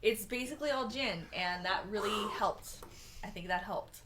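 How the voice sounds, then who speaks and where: A woman's voice: mid-range voice, moderate pace, background noise. A woman co-hosting a drink tasting show. She jokes about being nervous and stretches out some of her words. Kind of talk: casual tasting chat.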